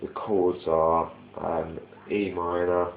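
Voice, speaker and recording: Man, very deep voice, low-quality phone recording, tinny and echoey, guitar in the background, casual hesitant guitar tutorial. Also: slow pace, creaky, slight background noise. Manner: relaxed, hesitant, with many ums and uhs. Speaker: guitar player teaching a song. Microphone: mobile phone.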